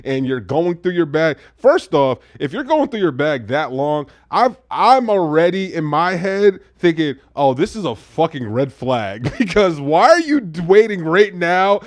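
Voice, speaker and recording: A man co-hosting a podcast who talks excitably in casual chat, laughs often and swears freely. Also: high voice, a little slow, hardly any pauses. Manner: excitable, profane, laughs often, says "bro". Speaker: podcast co-host.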